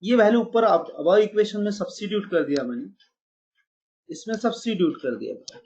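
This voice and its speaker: High-voiced man teaching math online. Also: big pitch swings, brisk, a little mellow, lo-fi sound. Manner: calls students "beta", mixes English math terms into Hindi. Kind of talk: online class lecture.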